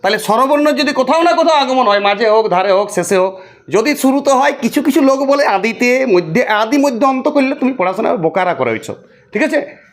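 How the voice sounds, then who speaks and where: A man's voice: very high-pitched, expressive, a little fast. A man teaching a grammar lesson for exam students, talking to the listener in a colloquial, repetitive way with many rhetorical questions.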